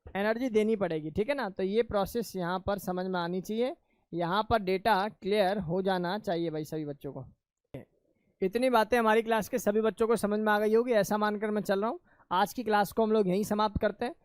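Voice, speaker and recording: A man teaching chemistry to a class. His voice sits rather high for a man and comes across dry, with little room sound. He keeps firing questions at the students and answering them himself. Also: brisk, clean tone, dry recording. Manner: calls students "beta". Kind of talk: classroom lecture.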